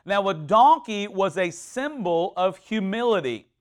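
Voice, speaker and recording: A man preaching a sermon in an animated, conversational way, with frequent restarts and bursts of mock shouting. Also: sits high, measured pace. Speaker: pastor.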